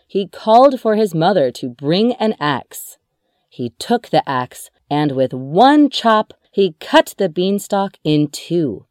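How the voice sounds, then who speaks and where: A storyteller reading a children's fairy tale aloud with a slow, expressive delivery. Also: medium pitch, no room sound, clean studio sound.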